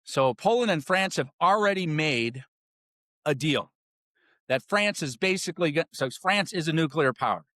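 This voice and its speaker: A man's voice: fairly high pitch, expressive, normal speed, a bit bright, dry recording, clean studio sound. A man hosting a political podcast, ranting with angry, sarcastic, profane commentary. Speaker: podcast host.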